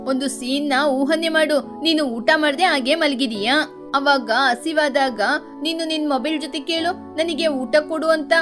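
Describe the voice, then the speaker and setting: A woman voicing a cheeky young male bird in a cartoon, who teases and lectures his friend in a fast, preachy way. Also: high voice, fairly even intonation, over music. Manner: teasing, preachy, fast-talking. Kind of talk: cartoon voice acting.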